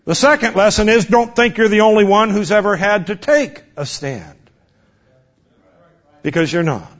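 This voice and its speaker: A man in his fifties preaching a sermon, swinging from loud exhortation down to a hushed near-whisper. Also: sits high, normal speed. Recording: dull lo-fi recording.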